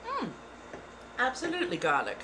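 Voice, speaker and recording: A woman with a high voice and wildly swooping pitch hosts a livestream of tarot readings at a moderate pace, keeping up a theatrical put-on persona accent and calling viewers "darling." The background is noisy.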